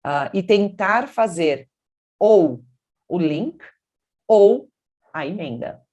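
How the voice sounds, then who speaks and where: A woman from Brazil teaching English pronunciation, explaining patiently and then modeling English words in a deeper voice. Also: animated, extremely slow, warm tone. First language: Portuguese. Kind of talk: pronunciation lesson.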